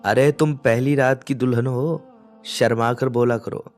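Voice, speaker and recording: A man's voice: lowish voice, expressive, moderate pace, faint music behind. A man voicing a young husband who grumbles but dotes on his wife. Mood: grumbling. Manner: grumbling, affectionate.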